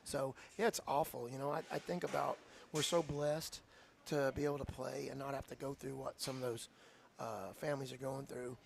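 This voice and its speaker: A man's voice: medium pitch, steady tone, normal speed, creaky, few pauses, a little hiss or hum. A man, a football coach telling an earnest, heartfelt story in a radio interview. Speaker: high school football coach.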